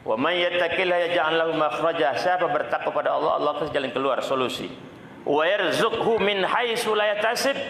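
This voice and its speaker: A middle-aged man preaching a sermon, telling stories with lively acted-out dialogue and frequent laughter. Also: on the high side, vocal fry. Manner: lively storytelling, acts out dialogue, laughs often. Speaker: Islamic preacher. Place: large mosque hall. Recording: echoey mosque hall, faint noise.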